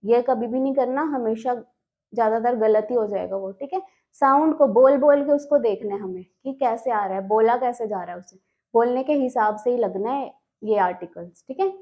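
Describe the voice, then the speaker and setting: A woman's voice: fairly high pitch, moderate pace. A woman teaching a grammar lesson, explaining step by step and sounding out words, often checking with a question. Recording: dull lo-fi sound.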